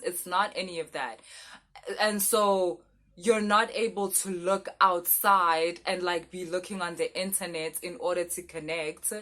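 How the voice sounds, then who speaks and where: A woman's voice: fairly low pitch, fairly bright tone. A woman giving a casual, intimate spiritual oracle reading like a fortune teller, talking familiarly and emphatically to viewers with rhetorical questions and frequent check-ins.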